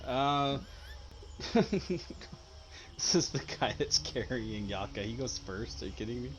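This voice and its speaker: A man narrating a tabletop game as dungeon master, hesitant and unhurried, often laughing. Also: mid-range voice, lively intonation, noisy background.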